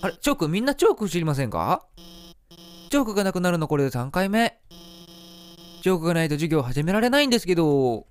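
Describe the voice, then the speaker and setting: A man's voice: a little high, sing-song, fast, pauses often, a little hiss or hum. A man voicing a timid, polite female monster teacher who sounds a little flustered.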